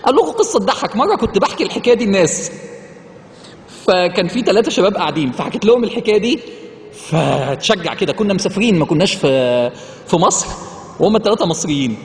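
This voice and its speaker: Animated Egyptian preacher, high lively voice. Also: male voice. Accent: Egyptian Arabic. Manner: animated, breaks into laughter, drops low and slow for quoted hadith. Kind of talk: lively religious talk to an audience. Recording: roomy hall reverb.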